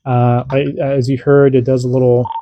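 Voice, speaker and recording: The sound is lo-fi with no room sound, carrying a man's mid-range voice in a completely flat delivery at normal speed. He's a parent and radio hobbyist hosting a casual hands-on radio demo, rambling informally and restarting sentences often.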